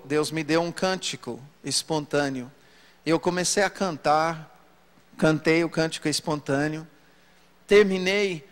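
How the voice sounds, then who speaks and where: A man preacher telling a story from the pulpit in an animated sermon. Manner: storytelling, animated pitch swings. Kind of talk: sermon testimony. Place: church hall. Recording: long hall reverb.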